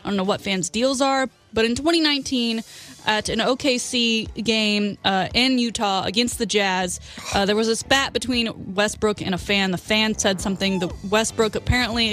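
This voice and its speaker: A woman's voice: mid-range voice, fairly bright tone. A woman co-hosting a sports talk show, conversational and opinionated in a casual style. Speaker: sports radio co-host.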